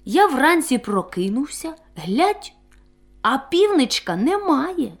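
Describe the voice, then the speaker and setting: A woman's voice: sits high, big pitch swings, slow pace, voice pushed up, heavily acted. A woman doing a cheeky, scolding little kitten. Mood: earnest. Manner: sharp, scolding. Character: cheeky bossy male kitten.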